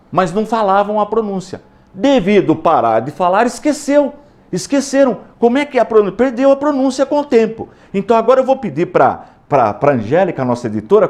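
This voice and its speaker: A man with a Brazilian accent teaching a recorded theology lesson, explaining step by step, repeating key words and asking questions. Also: sits high. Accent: Brazilian Portuguese. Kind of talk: recorded classroom lecture.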